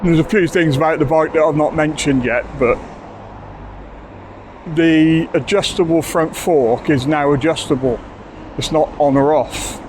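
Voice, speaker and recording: A man's voice: a little high, measured pace, noisy background. A man giving a chatty, enthusiastic bike review outdoors, rambling a little as he talks. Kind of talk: casual video review.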